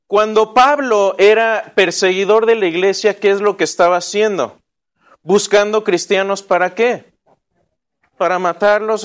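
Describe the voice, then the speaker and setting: A man teaching an interactive Bible lesson, asking the class questions and answering them himself in a casual way. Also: sits high. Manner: casual, with restarts and asides.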